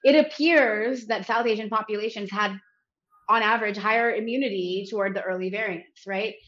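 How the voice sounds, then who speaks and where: An American woman who founded a health company is a guest in an interview, speaking earnestly and articulately with light laughs. Her mid-range voice is brisk and a bit bright, though the audio sounds dull.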